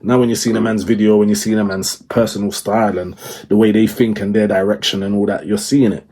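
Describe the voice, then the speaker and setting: A man's voice: on the low side, little pitch movement, quick pace, dark tone. A man in casual podcast chat, talking emphatically and often checking that the listener follows.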